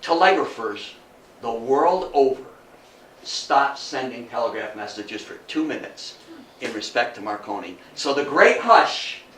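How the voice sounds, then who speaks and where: A little slow and fairly bright, his mid-range voice swings widely in pitch as the older lecturer from Athens, New York, tells local history stories with emphasis. Before a small indoor audience he repeats phrases and asks rhetorical questions; the recording is echoey and distant with faint noise.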